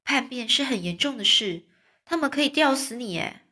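一位女士扮演一个紧张又老实的年轻男孩水手，声音明显拔高，语气惊慌认真，像故事书朗读里的少年角色。. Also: female voice, high-pitched, expressive, moderate pace, sharp tone, pitched above the performer's own voice. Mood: anxious. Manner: alarmed, earnest. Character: young male ship boy, anxious and earnest.

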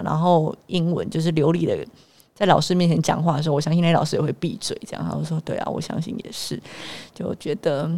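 A woman's voice: deep voice, a little mellow. A woman telling a story in a casual vlog, chatty and hesitant, full of fillers and restarts. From Taiwan. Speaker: vlogger and mother.

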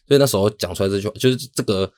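Fast-talking deep-voiced man. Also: darkish tone, no echo, studio quality. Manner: rambling, self-mocking, talks fast with many restarts. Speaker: podcast host. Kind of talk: casual storytelling monologue.

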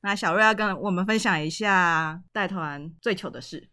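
A woman's voice: fairly low pitch, normal speed, sharp tone, dry recording, studio quality. A woman co-hosting a casual chat, cheerfully prompting guests with questions. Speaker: co-host.

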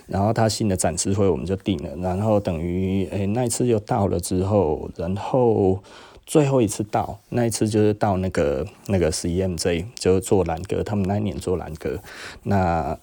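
Husky low-voiced Taiwanese Mandarin man. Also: fairly quick, warm tone. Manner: chatty, acts out both sides of old conversations. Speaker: podcast host, shop owner. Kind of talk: casual storytelling.

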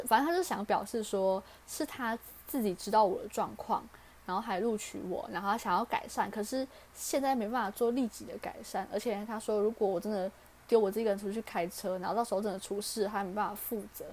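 A woman's voice: mid-range voice, a little mellow, slight background noise. A young woman from Taiwan with a Taiwanese Mandarin accent, hosting a podcast and casually telling a personal story, acting out the lines of the people in it. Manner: chatty, acts out quoted dialogue. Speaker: podcast host.

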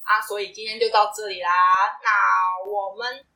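A woman's voice: medium pitch, steady tone, normal speed, pushed and bright, far from the mic. A woman co-hosting a casual chat who teases her partner playfully and breaks into laughs. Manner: playful teasing, laughing interjections. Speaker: podcast co-host.

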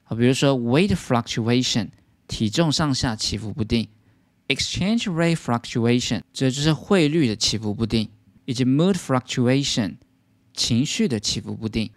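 A man's voice: medium pitch, lively intonation, moderate pace, dry recording. A man teaching English vocabulary as a patient lesson, explaining words step by step.

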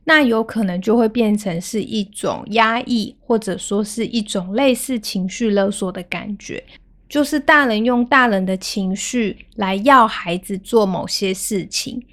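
A woman in her thirties hosting a parenting podcast, retelling a family story in a calm, gentle way. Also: medium pitch, unhurried.

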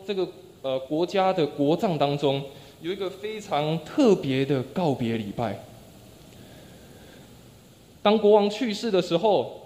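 Male preacher, sermon, high voice, long church reverb, soft trailing phrase ends. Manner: storytelling with acted-out quotes, voice dropping soft and low at ends of phrases. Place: church sanctuary.

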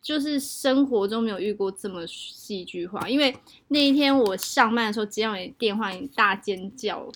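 A young woman with a Taiwanese Mandarin accent chatting casually, telling a story in an animated, exaggerated way. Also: medium pitch, normal speed, slight background noise. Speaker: podcast co-host. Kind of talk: casual chat. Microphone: home test recording.

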